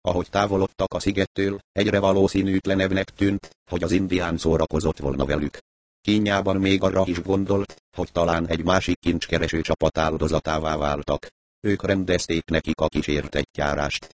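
Deep-voiced male audiobook narrator. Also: level tone, no room sound. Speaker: audiobook reader. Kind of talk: scripted narration.

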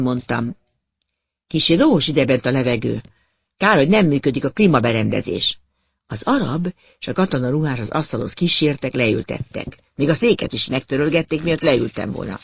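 A man narrating a first-person story in a steady, wry way. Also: medium pitch, vocal fry, husky, no room sound, clean studio sound.

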